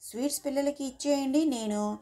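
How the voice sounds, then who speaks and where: A woman's voice: sits high, brisk, mellow, pitched above the performer's own voice, lightly acted. A woman voicing a cheeky young man who teases in a mock-polite way in a storybook reading. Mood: teasing.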